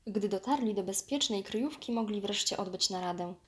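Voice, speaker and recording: Female narrator, mid-pitched, lively children's story reading. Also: brisk.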